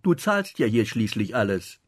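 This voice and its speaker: A man's voice: lowish voice, big pitch swings, normal speed, no echo. A nosy, pot-bellied innkeeper teases and pries in mock indignation, as a male narrator puts him on. The sound is close and dry. It is a storybook reading. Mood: mock-angry. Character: nosy paunchy male innkeeper, teasing and suspicious.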